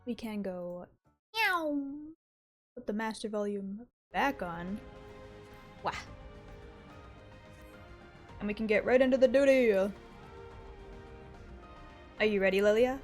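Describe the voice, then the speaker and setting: A woman game streamer chatting casually on a livestream in a playful, expressive, sometimes sweary way. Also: medium pitch, a little slow, long pauses. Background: game music.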